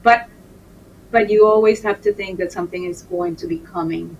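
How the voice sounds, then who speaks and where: A woman from Colombia, answering interview questions as a doctor, halting with many fillers and restarts. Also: mid-range voice, big pitch swings, vocal fry, a little mellow, lo-fi sound. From Caribbean Colombia. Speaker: infectious disease doctor, guest. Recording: distant mic with faint noise.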